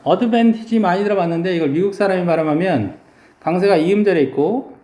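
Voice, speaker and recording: A man's voice: sits high, warm tone, reverberant. Korean man teaching English words. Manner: explains slowly, stretching out English words for pronunciation. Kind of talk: vocabulary lesson.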